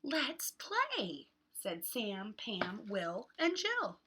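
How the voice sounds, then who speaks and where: Over some background noise, a woman with a medium-pitched voice reads a picture book to young children extremely slowly. As a read-aloud host, she's animated and exaggerated, giving words dramatic emphasis.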